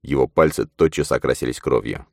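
A male audiobook narrator with an extremely deep, low voice telling the story in a steady, measured way. The sound is dry and close, with no room echo. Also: vocal fry. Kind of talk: scripted narration.

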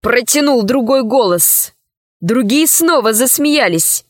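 A woman narrating a children's adventure book in a calm, unhurried, clear reading voice. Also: on the high side, no echo, studio quality. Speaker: storyteller.

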